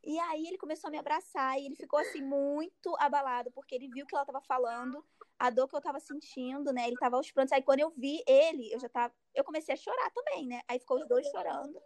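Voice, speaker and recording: A woman in her thirties casually telling a personal story in an animated way, acting out her own cries and other people's words. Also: high-pitched, fast talker, dry recording. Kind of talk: casual chat.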